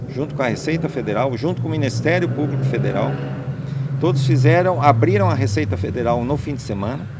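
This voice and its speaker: Heavy background noise surrounds a medium-pitched male voice. He is a landowner in a conversational interview, speaking emphatically and stacking up points, repeating them as he lists them.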